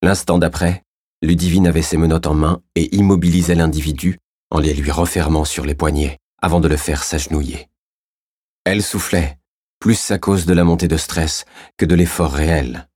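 Measured male storyteller with a very deep, husky voice and a dry, close sound. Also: fairly even intonation, a little mellow, dry recording. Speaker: audiobook narrator. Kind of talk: scripted narration.

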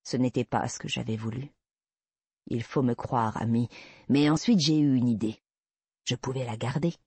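A man voicing an obsessive, creepy man who slowly confesses to a kidnapping, in a soft, unsettling manner. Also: medium pitch, slightly rough, dry recording. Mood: brooding. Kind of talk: audiobook reading.

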